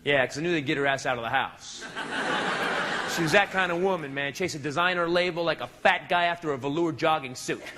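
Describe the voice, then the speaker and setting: A man doing a stand-up comedy set, telling a story in a brash, animated way, recorded live. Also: fairly high pitch, brisk. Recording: noisy live stage recording.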